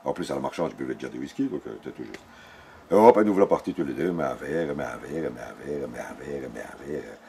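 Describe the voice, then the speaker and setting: Homme âgé à l'accent belge, conteur animé, voix grave qui monte et descend beaucoup. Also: male voice, a bass voice, fast, creaky, a little hiss or hum. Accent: Belgian French. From Belgium. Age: older. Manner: animated storyteller who acts out dialogue. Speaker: interviewee. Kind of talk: casual storytelling interview.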